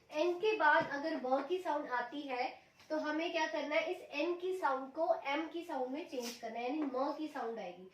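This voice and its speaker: A high-voiced woman gives a language lesson, walking through each rule patiently and repeating every example. She sits some way from the mic in a room with a clear echo. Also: fairly bright tone. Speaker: Japanese language teacher. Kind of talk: explaining a lesson step by step. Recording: echoey room, mic at a distance.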